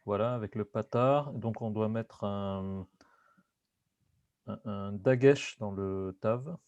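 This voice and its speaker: A man's voice: on the low side, takes it slowly, darkish tone, no echo, muffled recording. A man answering in a language class, tentative and unsure of himself. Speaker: student.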